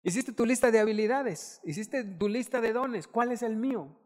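A middle-aged man preaching a sermon, animated, acting out quotes and breaking into loud shouted bursts. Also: very high voice, normal speed. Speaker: pastor. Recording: long hall reverb.

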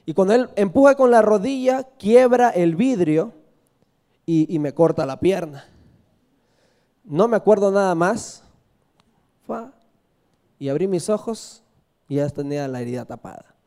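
A man's voice: sits high, expressive, a little slow, long pauses, mellow. A man from Peru preaching a sermon, telling a personal story and asking the congregation questions, often adding "¿verdad?".

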